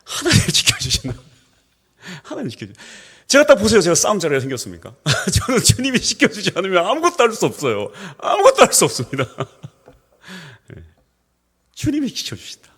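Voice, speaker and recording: A man's voice: high-pitched, huge pitch swings, brisk, a bit bright, husky, big-room sound. A man pastor from the Gyeongsang region preaching a sermon in a church, telling stories animatedly and acting out voices. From Gyeongsang region, Korea. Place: church sanctuary.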